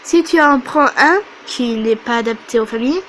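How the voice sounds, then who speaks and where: Woman doing a calm, patient male guide. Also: fairly high pitch, moderate pace, a little hiss or hum, close to an everyday voice, rough recording. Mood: explaining. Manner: explaining patiently.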